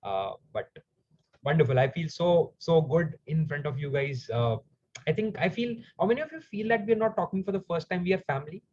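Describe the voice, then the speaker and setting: A man shares a personal story in a live Q&A, earnest and emotional as he talks straight to his listeners. His voice sits a little high and sounds husky. The recording is muffled and lo-fi. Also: a little fast, darkish tone. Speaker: speaker and coach.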